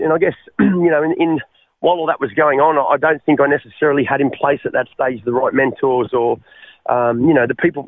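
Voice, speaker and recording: A medium-pitched man in his forties from Western Sydney, Australia, shares his testimony as a guest on a casual phone interview. The dry recording has a tinny phone-line quality, and he rambles, stumbling through fillers and restarts while addressing the host as "mate."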